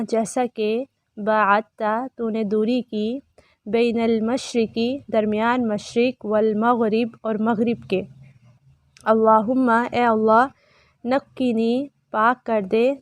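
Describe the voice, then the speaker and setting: A woman tajweed teacher with a somewhat high voice, reciting each phrase slowly and deliberately. She breaks off into quick explanations of pronunciation. The sound is close and dry. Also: no room sound. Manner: slow, careful recitation alternating with quick explanations. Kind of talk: online recitation lesson.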